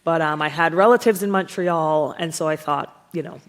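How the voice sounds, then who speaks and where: A woman's voice: low voice, normal speed. A middle-aged woman from Barbados, a professor giving a chatty conference talk about her own journey, laughing easily. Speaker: keynote speaker, professor. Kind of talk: conference talk, personal story. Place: large auditorium. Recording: hall reverb from a PA.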